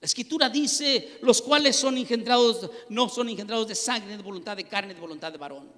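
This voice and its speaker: A man preaching a sermon and telling his own testimony, impassioned and rising to near-shouts at the peaks. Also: sits high, fairly quick. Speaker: pastor. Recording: long reverb of a hall.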